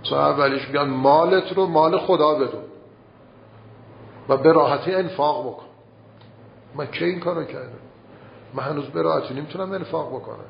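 A cleric with a gravelly, creaky, slightly high voice gives a conversational religious talk, often posing rhetorical questions, his loudness rising and falling from phrase to phrase. The recording is roomy and a bit dull, with faint noise underneath.

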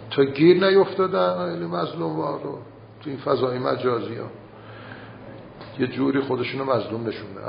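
A man with a gravelly, creaky voice delivers a conversational sermon, often posing rhetorical questions. His loudness rises and falls from phrase to phrase. The recording is roomy and a bit dull, with faint noise underneath. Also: fairly high pitch. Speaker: cleric giving a religious talk.

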